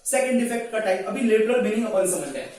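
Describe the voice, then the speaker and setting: A man's voice: high-pitched, lively intonation, fast talker, a little mellow. A man teaching chemistry in an online lecture, coaxing students and often checking they understand. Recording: echoey room, voice far from mic.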